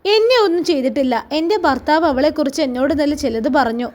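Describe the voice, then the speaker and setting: A woman's voice: high voice, lively intonation, fast talker. A woman voicing a jealous, spiteful sister-in-law who sneers and hisses her accusations. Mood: gossiping. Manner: sneering, hushed and hissing.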